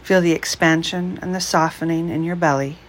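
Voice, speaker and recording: A woman leading a guided breath meditation, speaking slowly, calmly and softly. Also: low-pitched, a little hiss or hum. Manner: slow, calm, soft-spoken.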